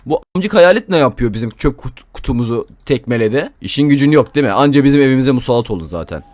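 A man's voice: mid-range voice, lively intonation, fast talker, a little mellow. A young man giving casual, crude, joking commentary while playing a game, talking to viewers and to the characters. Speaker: gameplay commentator.

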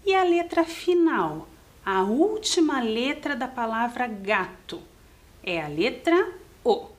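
A woman's voice: on the high side, very animated, takes it slowly. A woman teaching a primary school lesson to children, patiently spelling and counting aloud step by step. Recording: roomy echoing room.

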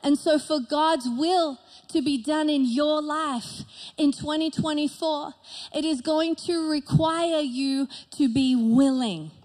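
Middle-aged lady pastor preaching hard on a big church stage, high voice, handheld mic. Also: fairly even intonation, takes it slowly, a little mellow. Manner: passionate, emphatic preaching, pacing the stage. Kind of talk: sermon. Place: large church stage with live audience. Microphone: handheld microphone.

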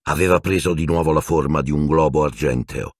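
Low husky male audiobook narrator. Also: a little fast, dry recording, clean studio sound. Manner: expressive, dramatic storytelling. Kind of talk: scripted narration.

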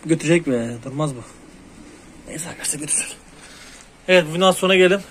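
High-voiced man coaxing cats. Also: fast, slight background noise. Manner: coaxing and scolding animals, repeating words, calling pss. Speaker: hobby vlogger. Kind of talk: casual vlog while handling cats.

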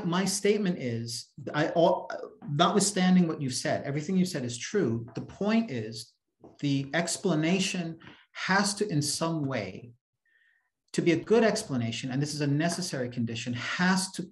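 A man answering a question at an academic seminar over a video call, emphatic and often repeating words as he starts a sentence. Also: medium pitch. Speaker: seminar speaker. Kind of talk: academic Q&A discussion. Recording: echoey room on a video call.

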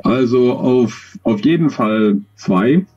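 Speaking slowly over a video call close to his webcam, a middle-aged audio drama author gives considered interview answers, pausing to find the right words. His medium-pitched voice is animated and warm with a breathy edge, and the recording's highs are cut off.

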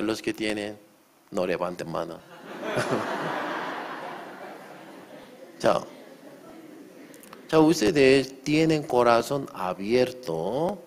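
Slow, low-voiced pastor preaching. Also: male voice, vocal fry. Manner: acts out shouting quotes, asks the congregation questions. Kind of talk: sermon.

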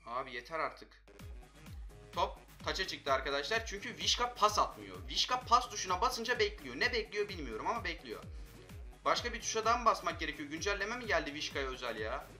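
A young man with a bright, high voice calls his own mobile football match with lively, excitable energy, often venting his frustration at his players. Faint game music plays underneath. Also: brisk. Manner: excitable, frustrated outbursts at teammates. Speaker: gaming channel host.

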